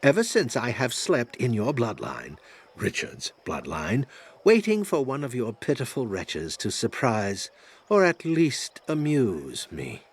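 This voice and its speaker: A man's voice: medium pitch, wildly swooping pitch, a little slow, husky, full character voice. An actor playing an ancient, mocking spirit in a fantasy game, pompous and sarcastic in his condescension. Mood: gloating, scornful. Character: ancient mocking male spirit bound to a bloodline. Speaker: tutorial guide. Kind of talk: theatrical fantasy game voice acting.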